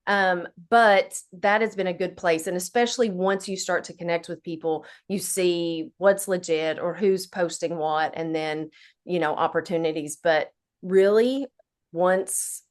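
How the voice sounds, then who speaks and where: Woman, Appalachian accent, slightly low pitch, folksy dialect, casual interview talk. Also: fairly even intonation, measured pace. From Appalachia, United States. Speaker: actress, interview guest.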